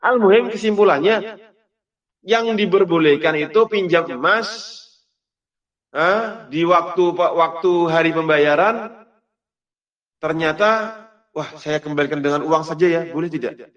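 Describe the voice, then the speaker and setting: A man with a fairly high, slightly bright voice teaches a little slowly, with long pauses. Reading an Arabic text in an Islamic lesson, he explains it didactically through questions and answers, and the audio sounds muffled and distant.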